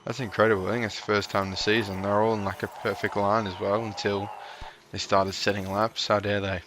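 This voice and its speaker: A man's voice: lowish voice, little pitch movement, fairly quick, noisy background. A man giving casual, joking commentary over a racing management game, cheering on his drivers. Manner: chatty, cheers on his drivers, jokey asides. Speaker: gaming YouTuber.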